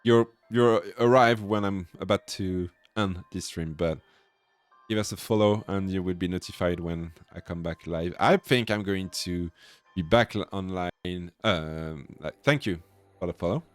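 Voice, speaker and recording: Low-pitched man with a French accent. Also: unhurried. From France. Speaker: host of a coding livestream. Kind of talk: casual livestream chat.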